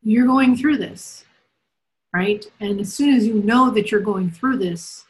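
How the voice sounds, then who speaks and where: A woman hosts a live spiritual question-and-answer reading over a video call, talking at a medium pitch. She speaks in a loose, chatty way and giggles easily. She often tags her points with "right?" or "okay?". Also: unhurried, a little hiss or hum, poor audio. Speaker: spiritual reader and host.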